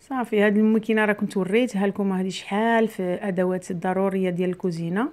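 A woman's voice: medium pitch, steady tone, racing, a little mellow. Chatty Moroccan woman cooking at home. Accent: Moroccan Arabic. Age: middle-aged. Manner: chatty, addresses viewers as "girls", explains as she cooks. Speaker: cooking channel host. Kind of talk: casual cooking vlog chat. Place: home kitchen, indoors. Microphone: camera near the worktop, speaker mostly off frame.

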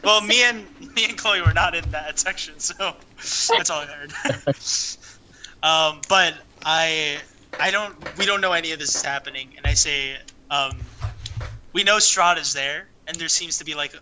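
A man's voice: a little high, moderate pace, bright, forceful tone, a little hiss or hum. A young man playing a tabletop game, hesitant, with frequent ums and restarts. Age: young adult. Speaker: player. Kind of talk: casual tabletop play.

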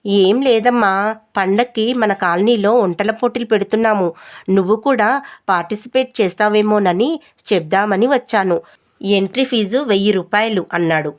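A woman's voice: medium pitch, normal speed, natural voice. A woman voicing a friendly middle-aged male neighborhood president in a storybook tale.

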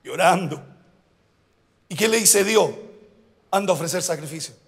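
A male pastor preaching a sermon, asking the congregation questions and shouting out the key words. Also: high-pitched, normal speed, creaky, husky, in a large hall.

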